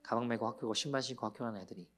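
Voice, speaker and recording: A man's voice: medium pitch, racing. Man preaching an emotional Sunday sermon. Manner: emotional storytelling, dropping to soft near-whispers. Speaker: pastor. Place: church sanctuary.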